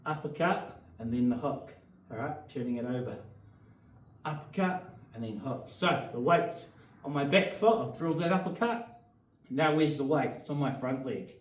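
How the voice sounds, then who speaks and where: A man coaching boxing, giving short instructional cues as he demonstrates punches with sharp exhales. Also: medium pitch, animated, moderate pace. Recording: roomy echo, distant mic, faint noise.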